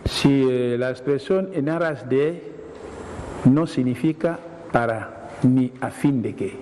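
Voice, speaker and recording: A man, a language academic on TV who explains word meanings at a measured pace, often repeating himself and giving examples. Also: mid-range voice. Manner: measured, repeats himself, reads definitions then gives examples. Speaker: language academic answering viewer questions. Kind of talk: explanatory TV segment. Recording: reverberant studio with faint hiss.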